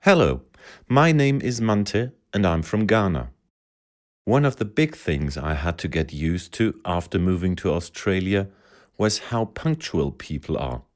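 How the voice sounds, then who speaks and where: An earnest man from Ghana in a listening-test clip. His voice is low, with a wide pitch range. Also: sing-song, unhurried. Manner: earnest, explaining. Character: man from Ghana, talking about punctuality. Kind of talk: scripted testimonial for a listening test.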